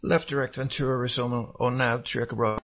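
A man's voice: mid-range voice, little pitch movement, fast talker, fairly bright tone. A man speaking as a pilot, giving terse, procedural radio read-backs to air traffic control.

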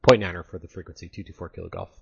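A man speaking as a pilot, making halting radio calls to controllers. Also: low voice, steady tone, gravelly, noisy background. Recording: dull, muffled radio audio.

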